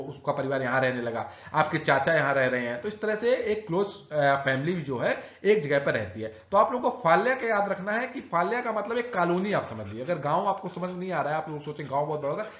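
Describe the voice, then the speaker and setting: Male exam tutor, lively pitch swings, roomy and muffled recording. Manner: lively, repetitive teaching with rhetorical questions. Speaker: exam-prep teacher. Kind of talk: recorded lecture. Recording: echoey, dull lo-fi room recording.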